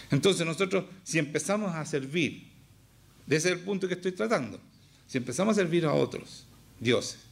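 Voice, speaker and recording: A man's voice: mid-range voice, creaky, slightly rough. A man with a Chilean accent preaching a sermon as pastor, emphatic and often firing questions at the congregation. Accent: Chilean Spanish.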